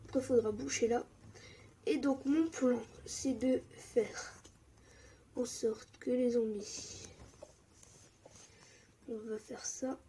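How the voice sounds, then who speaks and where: A young woman giving casual, excitable commentary while playing Minecraft. She often drops into a mumble or a whisper. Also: fairly high pitch, slow pace, long pauses, a little hiss or hum. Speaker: gaming YouTuber.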